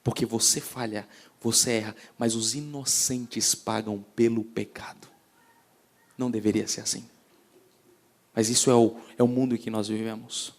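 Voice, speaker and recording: A man preaching a sermon as pastor, swinging between loud emphasis and hushed words, often repeating and restarting phrases. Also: fairly low pitch, steady tone, normal speed.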